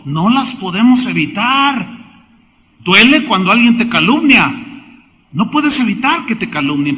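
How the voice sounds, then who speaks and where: A man preaching from the pulpit in a high, piercing voice. He drives the sermon with lively questions to the congregation, and the sound rings out with a long reverb through the church hall. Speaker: pastor.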